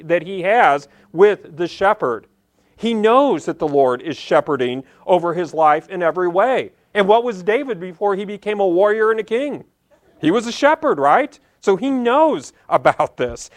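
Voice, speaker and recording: A man preaching a conversational Sunday sermon as pastor, plainspoken and repeating key phrases for emphasis. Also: high-pitched. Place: church service.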